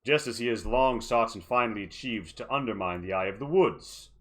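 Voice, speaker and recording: A man's voice: mid-range voice, fairly quick, fairly bright tone, close to an everyday voice. A man playing a haughty, suspicious old bearded guardian of the woods in a tabletop game, speaking formally and accusingly. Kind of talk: tabletop role-play in character.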